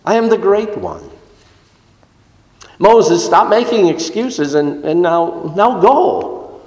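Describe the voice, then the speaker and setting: A man's voice: high voice, big pitch swings, slow pace, a little mellow, roomy sound, in a large hall, pitched above the performer's own voice, full character voice. A male preacher speaking the part of God, in an emphatic, insistent way that keeps rising. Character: commanding divine male voice of God.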